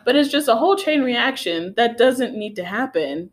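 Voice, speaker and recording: A young woman co-hosting a relaxed podcast conversation. She talks openly and thoughtfully about feelings and laughs easily between her thoughts. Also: on the high side, moderate pace. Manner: open, laughing, self-reflective. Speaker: podcast co-host. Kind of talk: casual chat.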